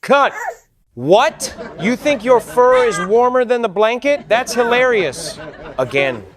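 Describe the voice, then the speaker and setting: Exasperated high-voiced man directing a set. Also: big pitch swings, slow, a faint crowd. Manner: bossy and exasperated, calling cut and again. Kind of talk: scripted comedic narration.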